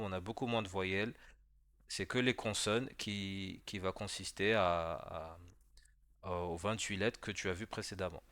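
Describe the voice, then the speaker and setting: A low-pitched man gives a patient beginner lesson, walking the listener through each step and often checking they follow. His voice is recorded dry and close, with no room sound. He slows down to sound out syllables for repetition. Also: fairly bright tone, dry recording. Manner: patient, explains slowly, often checks with "d'accord?"; spells out sounds slowly for repetition. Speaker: teacher. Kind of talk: beginner language lesson voice-over.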